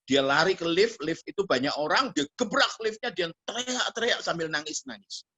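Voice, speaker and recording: A man's voice: high-pitched, normal speed, husky, lo-fi sound. A male pastor preaching a sermon and telling a story, acting out the voices of the people in it. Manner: animated, acts out voices of people in his stories.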